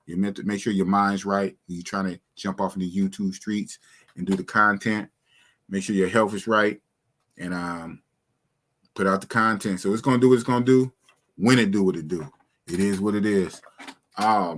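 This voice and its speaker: Brief: male stream host, low-pitched voice, slangy and easygoing, loose casual chat with stock catchphrases. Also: a bit bright. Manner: laid-back, slangy, repeats stock sayings. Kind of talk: casual livestream talk.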